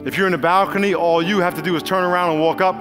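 A man's voice: high voice, steady tone, racing. A middle-aged man, a pastor, leading an altar call and preaching earnestly from a large church stage. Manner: warm repetitive blessings, earnest and urgent. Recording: long hall reverb, faint band music. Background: soft band music.

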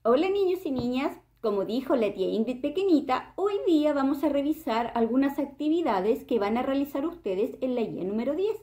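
A woman's voice: high voice, expressive, a little fast, hardly any pauses, warm tone, faint music behind. A woman teaching a kindergarten lesson to young children, patient and prompting them with questions.

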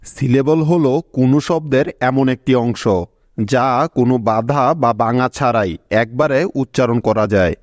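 A man's voice: medium pitch, normal speed, a little mellow, dry recording, clean studio sound. A man giving a patient, scripted spoken lesson as an English pronunciation teacher, explaining step by step and checking in with learners.

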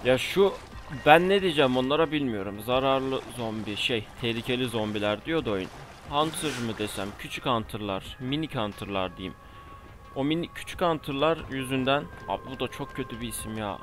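A man's voice: mid-range voice, lively intonation, brisk, a bit bright. A young man giving casual let's play commentary, exasperated and exclaiming, talking back at enemies on screen. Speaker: gamer. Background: faint game music.

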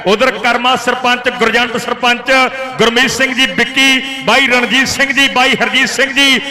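High-voiced Punjabi man announcing over a crowd. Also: fairly even intonation, moderate pace. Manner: hearty, declamatory, list-like calling with folksy boasts. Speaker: kabaddi match announcer. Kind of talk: live sports announcing, reading out names, sponsors and prize money. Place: outdoor village kabaddi tournament ground. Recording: loud crowd at outdoor ground. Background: crowd noise.

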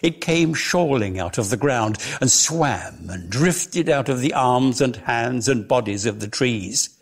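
A man reads lyrical prose like a theatrical storyteller, his gravelly, husky, mid-range voice moving expressively through its range. He takes a slow, measured pace as the reader of a dramatic story.

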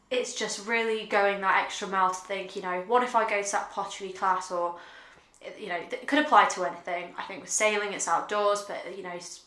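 A young woman talking earnestly and reflectively to camera in a casual vlog, pausing often with fillers, seated on a sofa at home. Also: mid-range voice, sharp tone, roomy sound. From United Kingdom. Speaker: vlogger. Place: living room with sofa, indoors.

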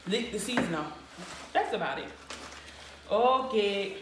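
A woman's voice: medium pitch, animated, a little slow. Casual young woman in an echoey room. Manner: informal, colloquial. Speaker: vlog host. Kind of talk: casual chat. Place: indoor living room, around a table. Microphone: distant camera. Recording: echoey room, far mic, faint noise.

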